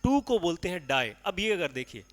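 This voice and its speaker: A man's voice: sits high, big pitch swings, normal speed, big-room sound. A male teacher giving a classroom lecture on poetic meter, explaining step by step with repeated rhetorical questions and counting aloud.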